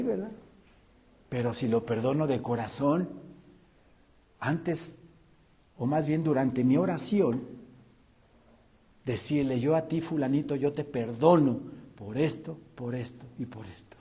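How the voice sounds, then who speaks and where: A man preaching a sermon, his voice husky and dark, pitched a bit above the usual male range. He poses rhetorical questions to the congregation and swings from loud, pressing lines to hushed ones. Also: animated, measured pace, long pauses. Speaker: pastor.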